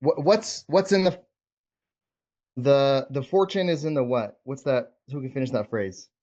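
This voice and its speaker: A man with a warm, mid-range voice and measured pace hosts a casual group coaching session over video. He's informal and encouraging while checking in with participants, and the call audio is dull and lo-fi.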